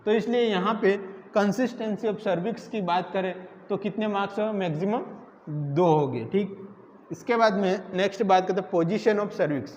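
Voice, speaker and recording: A man teaching a nursing exam class keeps asking his students questions and then answering them himself. His voice sits high and is unhurried and a little mellow, recorded in an echoey room with dull lo-fi sound and faint noise.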